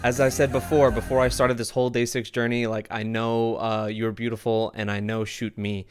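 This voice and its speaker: A man's voice: medium pitch, little pitch movement, normal speed. A man hosting a reaction video, talking casually and rambling with lots of filler words. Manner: chatty, rambling, heavy on "like" and "um" fillers. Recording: music playing clearly behind.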